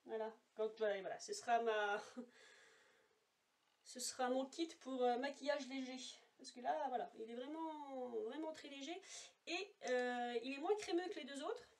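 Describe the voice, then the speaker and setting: Woman rambling through makeup swatches at home, fillers everywhere, kinda high voice, camera a bit far off. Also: measured pace. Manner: chatty, rambling, many fillers. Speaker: beauty vlogger. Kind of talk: casual makeup swatch vlog. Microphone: camera set apart, no monitor. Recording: voice a little far from the mic.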